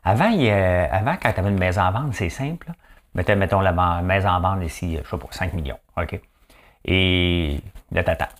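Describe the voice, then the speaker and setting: A man with a Quebec French accent doing a rambling, animated comedic monologue full of fillers and repeated words. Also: low voice, moderate pace.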